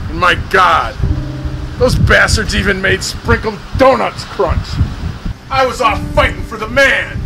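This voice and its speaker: An actor playing a bitter, war-haunted old sea captain with a melodramatic, halting delivery in a noir parody. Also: male voice, a little high, exaggerated voice, low-quality recording. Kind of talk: scripted film noir parody.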